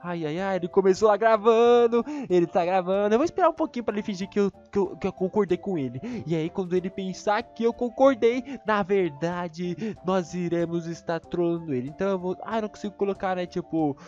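Brazilian man, high and excitable, for lively gameplay commentary with squealing outbursts; slightly lo-fi audio. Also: a little fast, hardly any pauses, soft background music. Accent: Brazilian Portuguese. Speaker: gaming video creator.

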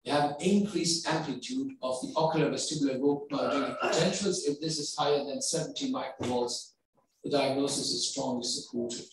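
A man's voice: medium pitch, fairly quick, creaky, a little hiss or hum. A middle-aged man with a German accent giving a medical lecture, explaining step by step and putting questions to the audience. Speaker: neurology professor giving a lecture. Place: lecture hall. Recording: echoey hall, voice from far off.

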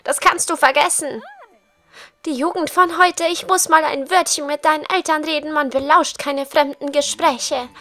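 Woman putting on a high, grumpy village gossip. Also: steady tone, normal speed, pushed and bright. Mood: indignant, scolding. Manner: grumpy, scolding, emphatic. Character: indignant, grumpy middle-aged village gossip woman scolding youngsters. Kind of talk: game dialogue read aloud in character.

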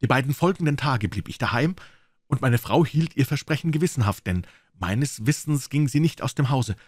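Husky male audiobook narrator, dry. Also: medium pitch, expressive, normal speed, dry recording. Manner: dramatic first-person storytelling. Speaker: audiobook reader. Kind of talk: scripted narration of a classic detective story.

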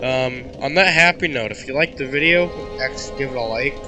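Game music blares behind a teenage boy as he plays and offers casual, sarcastic banter with a mock-grumpy edge, coughing every so often. This gaming YouTuber has a congested, medium-pitched voice and talks fairly quickly, and the recording is rough.

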